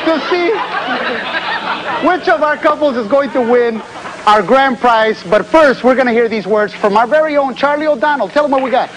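A man's voice: extremely high pitch, moderate pace, crowd noise. A man hosting a game show with playful banter, recorded in a television studio. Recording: noisy TV studio with audience.

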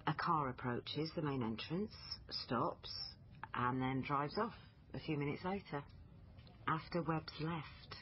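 A woman with a deep voice plays a dogged British police liaison officer in a naturalistic radio crime drama, speaking slowly as she probes and thinks aloud, sounding puzzled and thoughtful. The broadcast is muffled, with clear background noise.

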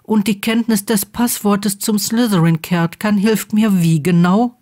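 A woman voicing an anxious, grumpy teenage boy wizard, speaking in a hushed, half-whispered voice. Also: medium pitch, steady tone, unhurried, lightly acted.

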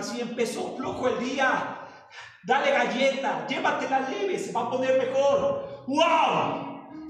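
A man with a Mexican Spanish accent leading a live online workout class, counting reps with playful cries and encouragement. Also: extremely high pitch. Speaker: fitness instructor. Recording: roomy, distant mic with long reverb.

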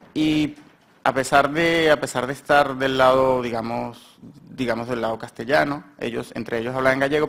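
A man's voice: medium pitch, creaky, a bit bright. A man with a Spanish accent presenting his research at a symposium in a university seminar room, hesitant and often correcting himself as he rambles. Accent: Spain Spanish. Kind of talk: conference talk.

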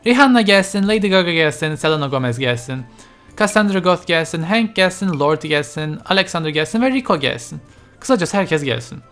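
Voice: medium pitch, a bit bright. A let's-player giving casual, chatty commentary while playing, exclaiming and talking to the game characters, with English game terms mixed in.

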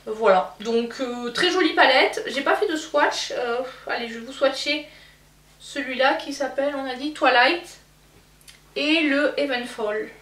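A woman's voice: sits high, a little slow, a bit bright, echoey room, far from the mic, a little hiss or hum. A woman casually chatting through a makeup haul, hesitant and full of fillers. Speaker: beauty vlogger.

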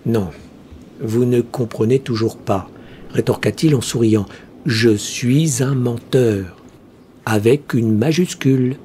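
A man voicing a cheerfully cunning male heretic priest, speaking slowly in a smooth, almost chanting way. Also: medium pitch, mellow, slight background noise, natural voice. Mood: sly. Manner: slow, smooth, chanting delivery.

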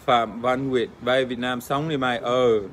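An Australian man, native English speaker, joking crudely with fans in casual livestream chat, halting with fillers and swearing playfully. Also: mid-range voice, steady tone, slight background noise. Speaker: livestream host. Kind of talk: casual livestream chat reading fan comments.

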